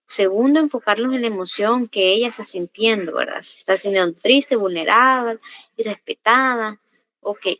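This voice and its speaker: A woman's voice: a little high, normal speed, fairly bright tone, no room sound. A woman giving a class lecture, often checking whether the students follow and acting out quoted examples. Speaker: teacher. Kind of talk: class lecture on assertive communication.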